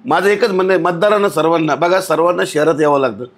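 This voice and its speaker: A man with a fairly high pitch and quick pace is an outspoken podcast interview guest commenting on local civic issues. Blunt and indignant, he scolds as he goes and keeps tossing out rhetorical questions.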